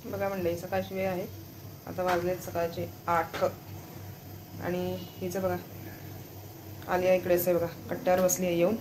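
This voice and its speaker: A woman's voice: on the low side, completely flat delivery, normal speed, pauses often, noisy background. A woman from Maharashtra chatting casually in a home vlog, keeps pointing things out to viewers. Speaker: vlogger.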